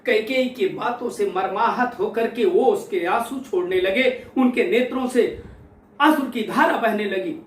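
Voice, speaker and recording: A man's voice: high voice, measured pace, reverberant, far from the mic, a little hiss or hum. A man teaching a Hindi poem, explaining each line and repeating phrases with many synonyms, with dramatic stress on the quoted verses. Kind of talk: explaining a poem in a class lesson.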